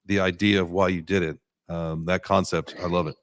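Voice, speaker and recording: A man's voice: sits low, little pitch movement, fairly quick, no echo, clean studio sound. A man hosting a talk show in an informal, jokey, chatty way. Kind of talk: casual chat.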